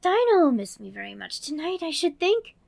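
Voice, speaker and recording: A woman's voice: high-pitched, very animated, normal speed, gravelly, darkish tone, voice pushed up, heavily acted. A woman voicing a naive, curious little girl who muses aloud to herself in a storybook. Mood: wistful. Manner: wondering, musing aloud to herself. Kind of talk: storybook character voice.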